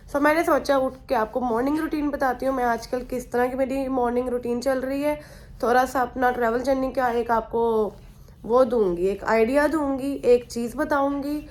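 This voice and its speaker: A woman's voice: fairly high pitch, a little mellow. A young woman, vlogging in her bedroom while unwell with a slight fever, talking in a chatty, rambling way. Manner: chatty, rambling, mixes in English phrases. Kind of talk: casual vlog chat.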